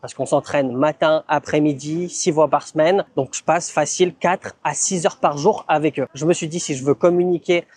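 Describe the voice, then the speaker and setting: A man narrating a casual vlog in a relaxed, chatty way, often dropping in fillers and tag words. His voice sits a little high for a man. The sound is dry and close. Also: moderate pace, hardly any pauses, breathy edge, no echo. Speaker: vlogger.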